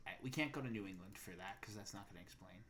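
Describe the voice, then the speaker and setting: A man's voice: lowish voice, fast talker, pushed and bright. A young man co-hosting a podcast, chatting casually and thinking aloud with lots of fillers. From Massachusetts. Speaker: podcast co-host. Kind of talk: casual chat.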